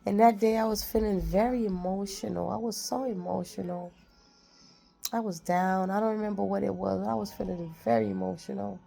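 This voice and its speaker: Woman vlogging life advice, real gravelly voice, keeps repeating herself to drive it home. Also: mid-range voice, steady tone, normal speed, warm tone. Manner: repeats phrases for emphasis, preachy and heartfelt. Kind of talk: casual motivational talk.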